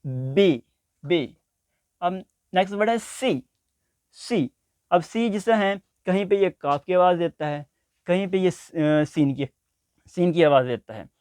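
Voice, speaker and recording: A man teaching a basic English lesson, speaking slowly and repeating example words. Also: high-pitched, darkish tone, smooth, no echo, clean studio sound. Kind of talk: spoken language lesson.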